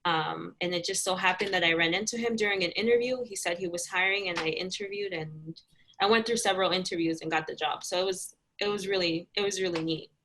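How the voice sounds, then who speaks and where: A woman's voice: fairly low pitch, fairly even intonation, quick pace, a bit bright, poor audio. A young woman answering interview questions about her job in a chatty, friendly way with lots of "um"s. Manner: chatty, friendly, many fillers. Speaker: guest, community health educator.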